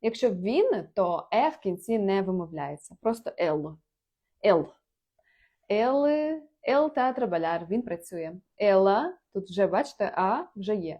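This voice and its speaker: A woman giving a casual online Portuguese lesson in Ukrainian, reading out example phrases slowly and then translating each one. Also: medium pitch, a little mellow. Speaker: Portuguese language teacher.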